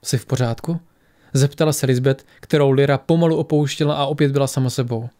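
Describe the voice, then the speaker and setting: A man reading a fantasy audiobook in a measured, steady storytelling voice. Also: mid-range voice. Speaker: audiobook narrator. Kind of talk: scripted fantasy narration.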